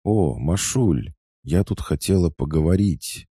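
A man voicing a timid, petite young woman with a squeaky, startled way of talking. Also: lively intonation, a little slow, warm tone, slightly rough, dry recording, clean studio sound, heavily acted. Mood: flustered.

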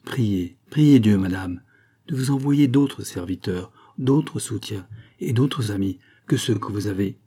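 A man's voice: on the low side, warm tone, husky. A man reading aloud, voicing a grave, respectful doctor who speaks frankly in a storybook reading. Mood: solemn. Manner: measured, solemn.

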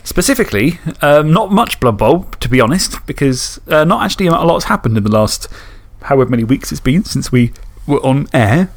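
A man's voice: mid-range voice, big pitch swings, fairly quick, few pauses. A man co-hosting a podcast in casual, rambling, self-mocking chat. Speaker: podcast co-host.

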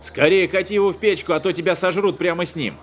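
A gruff, bossy spacer put on by a male narrator who barks and shouts at his comrades. He pitches his voice up into loud, raised yelling. Soft music sits under the storybook reading. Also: animated, moderate pace. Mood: shouting. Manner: barking, shouting.

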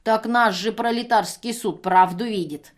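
A woman reader voicing a brazen drunk vagrant woman who shouts shrilly and wails. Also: a little high, measured pace, lightly acted. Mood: shrill demanding.

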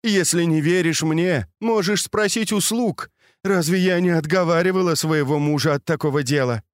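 A man's voice: fairly high pitch, normal speed, no echo, clean studio sound, voice pushed up, lightly acted. A man reading an audiobook and voicing a meek, tearful noble wife who pleads and defends herself. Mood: pleading.

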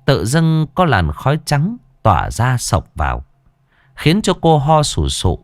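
A man's voice: medium pitch, wildly swooping pitch, a little slow. A man narrating a ghost story with a dramatic delivery.

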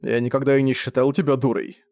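A man's voice: mid-range voice, flat delivery, quick pace, a little mellow, natural voice. A man playing a flustered young mage. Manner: bewildered, then pleading.

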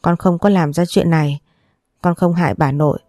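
A tearful young daughter-in-law , read by a woman narrator begs to be believed, her voice low and mellow. The dry, close sound of a storybook reading. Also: steady tone, normal speed, no room sound, soft background music, natural voice. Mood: pleading. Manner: pleading.

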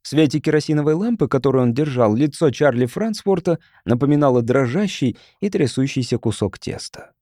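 A man giving an expressive, dramatic audiobook narration. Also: medium pitch, brisk, no echo, studio quality.

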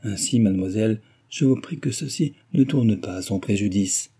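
A man's voice: lowish voice, normal speed, mellow, slightly rough. A man voicing a garrulous, complaining middle-aged mother in a novel reading. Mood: peevish, rambling. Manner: rambling, complaining.

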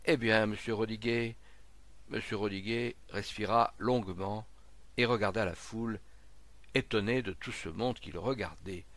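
A man reading a literary short story aloud, expressive, with occasional hesitations. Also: lowish voice, moderate pace. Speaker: reader.

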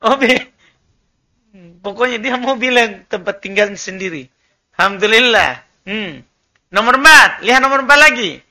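A man's voice: sits high, lively intonation, moderate pace, pauses often, bright, forceful tone. A man teaching an Arabic class, drilling students and correcting their pronunciation. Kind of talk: classroom language lesson.

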